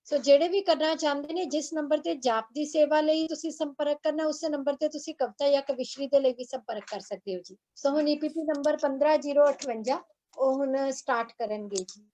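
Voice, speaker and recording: High-voiced woman making announcements. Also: warm tone. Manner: polite explanatory, with pauses. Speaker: organizer.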